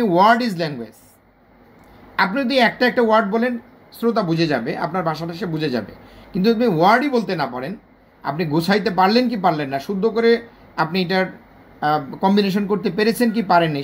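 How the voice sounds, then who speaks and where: Bangladeshi accent, teacher, video lesson, repetitive, slow sounding-out, mid pitch. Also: slight background noise. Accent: Bangladeshi Bengali. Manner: patient and repetitive, drawing out example words slowly syllable by syllable. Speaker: English teacher.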